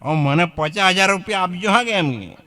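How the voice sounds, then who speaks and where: A man voicing a drunk villager with a sword who demands money and talks in a slurred, drawn-out way. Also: high voice, animated, bright, forceful tone. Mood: demanding.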